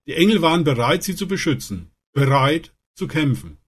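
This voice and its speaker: A man narrating Bible stories in a calm, earnest way, lifting his voice for the quoted lines. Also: on the high side, moderate pace, slightly rough. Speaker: Bible storyteller. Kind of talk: scripted Bible story narration.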